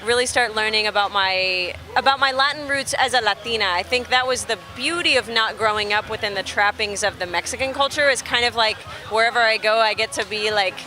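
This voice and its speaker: Bright-voiced chatty woman from Texas. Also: fairly high pitch, fairly quick, few pauses. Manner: animated, chatty storyteller who laughs easily. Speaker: musician guest. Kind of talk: casual interview chat. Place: outdoors at a festival near traffic.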